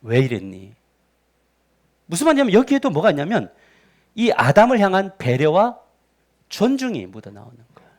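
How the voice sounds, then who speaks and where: Animated high-voiced male pastor preaching. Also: fairly quick, pauses often. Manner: animated, asks the congregation rhetorical questions. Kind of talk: sermon. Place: church sanctuary.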